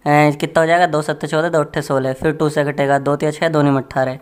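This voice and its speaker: A man's voice: on the high side, level tone, fairly quick, clean tone. Male maths tutor, casual and joking, friendly classroom patter. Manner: chatty and joking, addressing students as friends.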